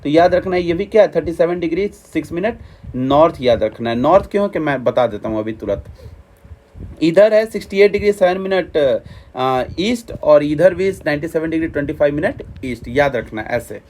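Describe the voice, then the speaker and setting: A man's voice: a little high, animated, fairly quick, darkish tone. A man giving a classroom geography lesson, repeating points and asking and answering his own questions, with English terms mixed in. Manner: repetitive, quizzing, asks and answers himself; mixes English terms into explanations. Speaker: teacher. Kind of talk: classroom lecture.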